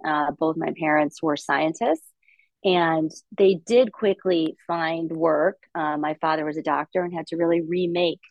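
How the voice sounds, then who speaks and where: A middle-aged woman from Latvia speaks as an interview guest, articulate and upbeat, pitched a little low. The sound is dry and close, with no room around her. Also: darkish tone, no room sound. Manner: articulate, upbeat storytelling with light laughs. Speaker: podcast guest, investor. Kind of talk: conversational interview.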